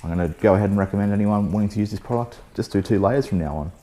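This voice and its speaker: Outdoors beside a test panel, a car detailing channel host casually talks about a product test while losing his voice, sounding a little hoarse. His voice is on the low side and racing, relaxed and chatty, full of "um" and "so yeah."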